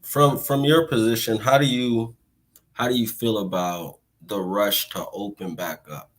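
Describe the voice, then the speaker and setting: Calm, low-voiced laid-back man. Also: unhurried, rough recording. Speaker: host, state senator. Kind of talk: casual conversational interview.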